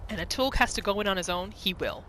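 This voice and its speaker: Fast and expressive, a woman with a mid-range voice playfully narrates her own roleplay gameplay, talking to herself and the game. The rough recording has slight background noise, and game music plays behind her.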